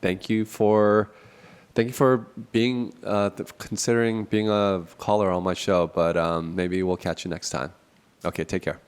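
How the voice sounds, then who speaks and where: A man's voice: fairly low pitch, little pitch movement, measured pace, clear, resonant tone. A man hosting a casual podcast from a small office, talking in a nasal, stuffy voice, chatty and self-deprecating, laughing often. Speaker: podcast host. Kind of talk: casual solo podcast talk with phone calls.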